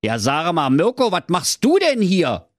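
A man's voice: sits high, very animated, unhurried, dry recording, studio quality, voice pushed up. A man voicing a dim-witted, grumpy husband who speaks with a Berlin accent, blustering and indignant. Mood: dopey surprised.

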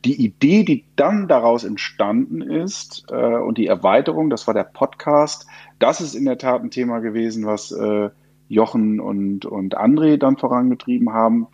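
A man with a gravelly, husky voice explains things in a podcast chat, hesitating with fillers. His sound is dry and dull. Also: medium pitch, expressive, normal speed, a little mellow, no room sound. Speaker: podcast guest, co-host of finance podcast. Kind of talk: casual podcast talk.

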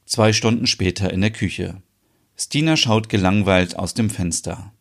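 A man's voice: deep voice, a little slow, vocal fry. A man narrating an audio soap in scripted storytelling style. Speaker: podcast narrator.

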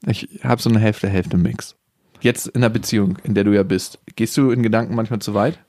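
A man in his thirties co-hosting a casual podcast, asking playful, teasing questions and jumping into quick jokes. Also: fairly low pitch, steady tone, darkish tone, no room sound, studio quality.

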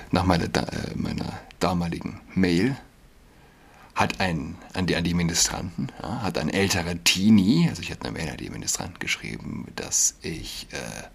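Ranting man, lowish husky voice, moody whisper-to-shout delivery. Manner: swings between hushed whispers and loud outbursts; ranting, indignant. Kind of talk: agitated monologue.

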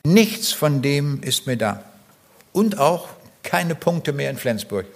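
An older man preaching a sermon in an earnest, emphatic way, building long lists with pauses. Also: a little high, very animated.

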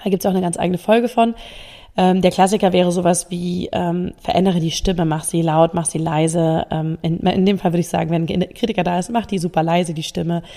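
A woman coach talks her listeners through her ideas in a reflective podcast monologue, often hesitating as she searches for words. Her voice has a slight gravelly fry at the edges. She is recording indoors, and the room lends her words a long, lingering reverb. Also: on the low side, dark tone. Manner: thoughtful, explanatory, many hesitations. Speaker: NLP coach and podcast host.

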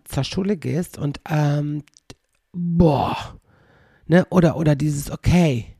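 A man's voice: on the high side, gravelly, dark tone, breathy edge, dry recording, clean studio sound. A man hosting a podcast in a rambling, wry casual monologue, often mimicking how people pronounce words. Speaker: podcast host.

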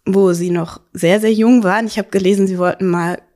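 A woman hosting a podcast interview, asking long and measured questions. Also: medium pitch, fairly even intonation, darkish tone.

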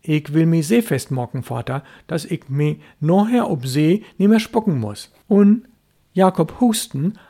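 A man voicing a young fisherman's boy, seasick but eager, who speaks in a Low German dialect. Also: expressive, a little slow, dark tone. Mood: plucky.

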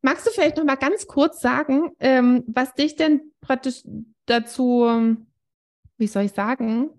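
A woman hosting a casual podcast conversation, enthusiastic and rambling as she sets up her questions. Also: high-pitched. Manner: enthusiastic, rambling, quick-talking. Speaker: podcast host.

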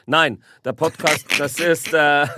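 A man from Switzerland co-hosting a podcast, teasing his friends in slow, drawn-out casual banter. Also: fairly high pitch, background noise. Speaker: podcast co-host.

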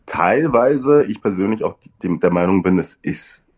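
A man with a very deep bass voice, chatting thoughtfully and modestly as a guest in a casual interview. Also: expressive, moderate pace, darkish tone.

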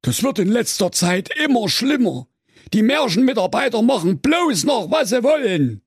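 A man's voice: high-pitched, very animated, moderate pace, husky, no room sound, studio quality, exaggerated voice. A man voicing a naive, muddled fairy-tale brother who rambles and bumbles through his complaints. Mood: complaining.

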